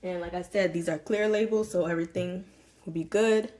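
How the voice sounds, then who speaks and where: Young woman, home tutorial vlogger, chatty and casual, slightly low-pitched, lots of um and y'all. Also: steady tone, brisk, darkish tone. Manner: chatty, filler-heavy, addresses viewers as y'all and you guys. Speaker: small business owner. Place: home room.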